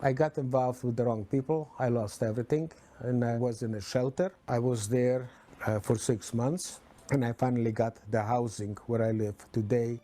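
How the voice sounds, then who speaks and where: A man in his seventies from the Chernivtsi area gives a measured, matter-of-fact interview. His voice is warm and mellow at a middle pitch. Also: fairly even intonation, faint music behind. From Chernivtsi area, then Romania. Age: 70s. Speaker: Holocaust survivor interviewee. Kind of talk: documentary interview.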